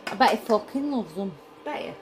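A woman's voice: mid-range voice, animated, a little fast, over loud music. A woman with a Northern English accent chatting casually and bluntly while cooking, giggly and tipsy from drink. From northern England. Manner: blunt, chatty, exclamatory, swearing. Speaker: home cook vlogger. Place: indoors in a home kitchen.

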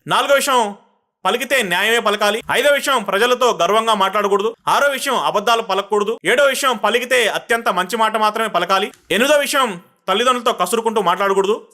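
A man preaching a religious talk, reading out numbered points and reciting verses slowly and carefully before explaining each one. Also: high voice, sharp tone. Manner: slow, measured recitation of Arabic verses; lists numbered points, then recaps them quickly. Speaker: Islamic preacher.

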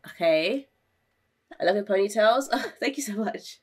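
A woman's voice: medium pitch, lively intonation, normal speed, darkish tone, breathy edge. A woman streaming a game, chatting casually with viewers, jumpy and easily startled, sounding a little under the weather. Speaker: gaming streamer. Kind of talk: casual live gameplay commentary.

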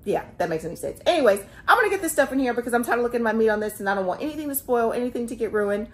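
A chatty woman in her thirties talks to her viewers in a casual home vlog. She speaks into a phone held close in her kitchen, animated and direct. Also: on the high side, rapid-fire. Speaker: family vlogger. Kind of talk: casual grocery haul vlog. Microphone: phone camera held close.

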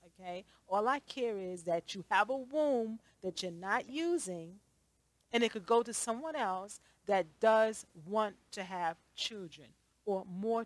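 Woman, vlogger, casual rant, emphatic, repetitive, mid pitch. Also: dry recording. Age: adult. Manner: emphatic, repetitive, with frequent "okay?" tags. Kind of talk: casual ranting commentary.

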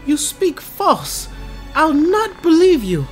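A player voicing a young princess, high and shaky. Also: huge pitch swings, soft background music, full character voice. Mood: indignant. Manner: reads lines haltingly, high put-on pitch. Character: young princess, distressed and defiant. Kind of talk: casual fan voice-over of a game cutscene.

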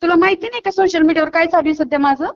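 A woman talks on a phone call in a very high, gravelly voice. She speaks in a panicked, pleading way and scolds the caller. The phone audio is muffled and lo-fi. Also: rapid-fire. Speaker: prank call target.

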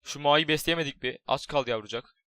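A young man giving casual, jokey game commentary, excitable and swearing, chatting to his in-game pet. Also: on the high side, a little fast, clean tone, no room sound, studio quality. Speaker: gaming YouTuber. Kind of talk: casual Minecraft let's play commentary.

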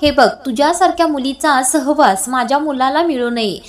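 A woman voicing a stern middle-aged mother who scolds a young woman loudly and sharply. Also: sits high, moderate pace, close to an everyday voice. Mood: scolding.

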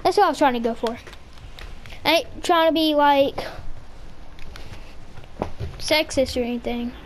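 A woman's voice: high-pitched, a little slow, slight background noise. A female gamer with a Southern US accent giving rambling, silly commentary while she plays, repeating words over and over. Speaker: gaming channel host. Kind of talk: casual gameplay commentary.

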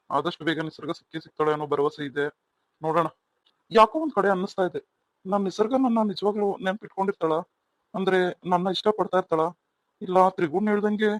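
Man playing bossy cartoon husband, fast-talking and stern. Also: sits high, a bit bright, dry recording. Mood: brooding. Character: young husband, stern and impatient. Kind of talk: cartoon voice acting.

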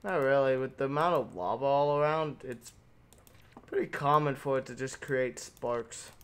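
A man's voice: medium pitch, normal speed, a bit bright, clear, resonant tone. A man chatting casually over a game, with loose, profane banter. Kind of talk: casual gaming chat. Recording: faint noise with keyboard typing.

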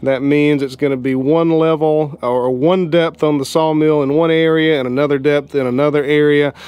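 A man in his thirties with a slightly higher voice, walking viewers through a job in a relaxed, plainspoken way. He is recorded on a close action camera in an open-sided outdoor shed. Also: normal speed, clean tone, no room sound. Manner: relaxed, plainspoken, explains as he works. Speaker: homesteading vlogger. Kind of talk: casual how-to narration.

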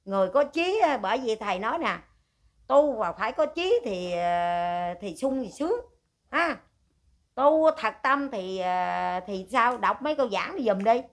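An older woman, ranting at length in a rough, scolding way and firing rhetorical questions. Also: a little high, lively intonation, unhurried. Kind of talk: heated casual rant.

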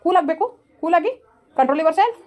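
Brief: gruff, scolding father-in-law, fast and lively, voice pushed low, put on by a woman. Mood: bossy. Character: bossy village father-in-law, self-styled senior surgeon.

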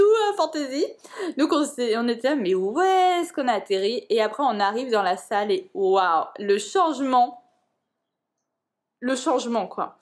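A young woman chatting casually in a book vlog, full of fillers and restarts. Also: on the high side. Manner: hesitant, many fillers and restarts. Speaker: book vlogger.

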